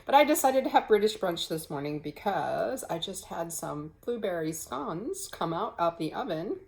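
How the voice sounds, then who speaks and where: A woman's voice: fairly low pitch, big pitch swings, moderate pace, creaky, darkish tone, poor audio. A woman chatting casually to camera at home in a crafting vlog, rambling with many fillers and self-corrections. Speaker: cross-stitch vlogger. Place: home, early morning.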